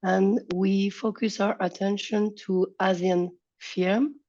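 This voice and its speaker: Halting woman professor on a dull line. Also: medium pitch, steady tone, dark tone. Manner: halting, with many fillers. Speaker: professor of landscape architecture. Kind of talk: introducing a class interview. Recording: dull lo-fi recording.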